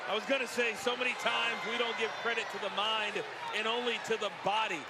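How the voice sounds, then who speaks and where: A man's voice: sits high, flat delivery, quick pace. A man giving wrestling colour commentary in an emphatic, conversational, opinionated way. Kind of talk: wrestling commentary, analysis and reactions. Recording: live arena broadcast, loud crowd and noise. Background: roaring crowd.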